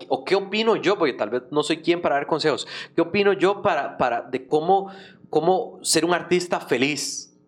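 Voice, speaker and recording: A man with a Costa Rican accent speaks in a fairly high voice, loose and full of slang. He talks animatedly as a guest in a casual conversation. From Costa Rica. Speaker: guest musician.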